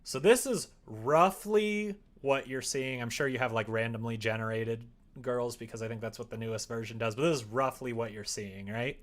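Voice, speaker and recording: Speaking at a normal speed with few pauses, a man in a mid-range voice streams live, chatting loosely and thinking out loud while working through a tutorial. Keyboard clatter and clearly audible background noise run underneath.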